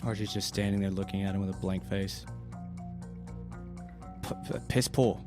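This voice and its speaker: A man's voice: sits low, fairly even intonation, normal speed, over music. A man playing a tabletop role-playing game, talking casually in and out of character in a blunt, sweary way.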